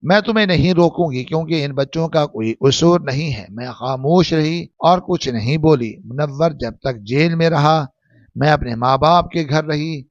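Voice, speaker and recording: Man narrating an emotional story, high-pitched. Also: no echo. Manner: steady, heartfelt storytelling. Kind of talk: scripted first-person story narration. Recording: dull lo-fi dry sound.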